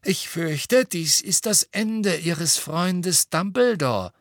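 A man's voice: high-pitched, fairly even intonation, moderate pace, a bit bright, dry recording, studio quality, voice pushed up. A man voicing a spiteful, blustering middle-aged minister in an audiobook. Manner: spiteful, bellowing. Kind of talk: audiobook reading.

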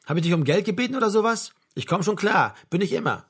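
A man's voice: sits high, expressive, quick pace, fairly bright tone, slightly rough, heavily acted. A man reading a novel aloud, voicing a sullen, evasive young man answering his mother curtly. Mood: sulky. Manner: curt, defensive.

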